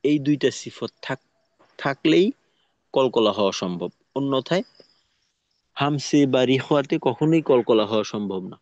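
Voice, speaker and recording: A man teaching Quran recitation in an online lesson, explaining slowly and patiently with pauses. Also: medium pitch, expressive, darkish tone, no room sound, dull audio.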